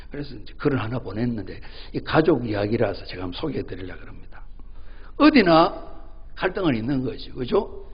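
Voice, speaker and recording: Man, pastor, husky voice, lively pitch, conversational sermon, dull reverberant church recording. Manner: conversational preaching with tag questions to the congregation; acts out family dialogue in a joke. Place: church sanctuary.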